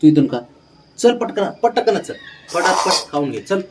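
A man's voice: high voice, sing-song, a little slow, a little hiss or hum. A man casually talking to his pet cats at home, coaxing them with affectionate baby talk. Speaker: pet owner vlogger.

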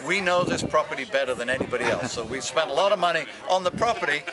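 A man's voice: fairly high pitch, expressive, quick pace. A man in his fifties who leads an ocean research group, talking earnestly and with enthusiasm in an outdoor interview, often restarting his sentences. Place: outdoors by a brick building and truck. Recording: outdoor street noise and voices.

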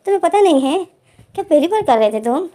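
A woman's voice: very high-pitched, sing-song, quick pace, warm tone, pitched above the performer's own voice. A woman voicing a confident, teasing young man in a storybook reading, bossy and playful toward his partner.

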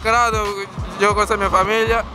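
A man from Haiti answers questions on a busy street, stopping and restarting as he goes. His voice runs rather high. Loud music fills the background. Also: level tone. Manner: halting, stumbling answers. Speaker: windshield washer.

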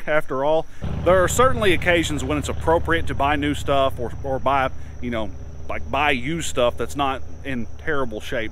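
A man's voice: on the high side, fairly bright tone. A man in his thirties talking through a farm project in a casual outdoor vlog, chatty and plain-spoken with lots of fillers, filmed on a camera held at arm's length in a grassy yard. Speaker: homesteader vlogger. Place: outdoors in a grassy farmyard by a metal building. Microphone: action camera held at arm's length.

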